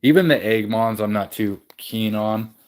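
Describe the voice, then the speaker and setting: Low-voiced man chatting to stream viewers. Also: a little slow. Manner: rambling, self-correcting. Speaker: livestream host. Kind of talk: casual chat with live viewers. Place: home game room.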